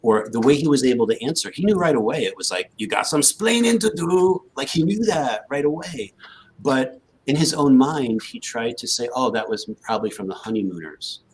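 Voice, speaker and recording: A man hosts a live stream at a middle pitch. He rambles in an easy, conversational way and peppers his sentences with "like". He cues up segments and chats with his co-hosts. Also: expressive, brisk, a little hiss or hum, low-quality recording. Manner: loose and conversational, full of "like". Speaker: host. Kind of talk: casual live-stream talk.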